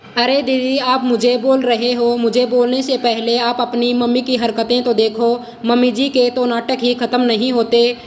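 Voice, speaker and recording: A woman voicing a sharp-tongued young daughter-in-law in a storybook reading, with a scolding manner. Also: fairly high pitch, flat delivery, normal speed, in a large hall, a little hiss or hum, close to an everyday voice.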